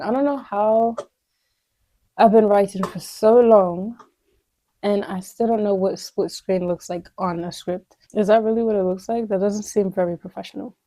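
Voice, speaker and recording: A woman talks her way through writing a script in a relaxed vlog, rambling and chatting to herself as ideas come. Her voice is soft and mellow. The sound is close and dry. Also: medium pitch, no room sound, rough recording. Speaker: aspiring screenwriter vlogger. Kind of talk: casual think-aloud screenwriting vlog.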